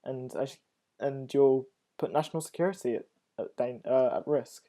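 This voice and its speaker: A man hosts a relaxed interview in a mellow, darker-toned voice. He talks at an easy pitch and often stumbles and repeats words mid-sentence. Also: normal speed. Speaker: host. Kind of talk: casual interview chat.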